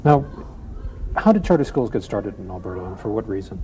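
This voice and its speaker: Measured male documentary narrator. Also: fairly low pitch, very animated, mellow, slight background noise, low-quality recording. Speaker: interviewer and narrator. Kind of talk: documentary interview questions and narration.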